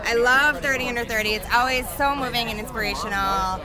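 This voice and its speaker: A woman's voice: fairly high pitch, fast, loud music behind the voice. A woman chatting casually as a podcast guest outdoors on a rooftop, breezy, flirty and joking. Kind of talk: casual chat. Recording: loud crowd noise outdoors on a rooftop.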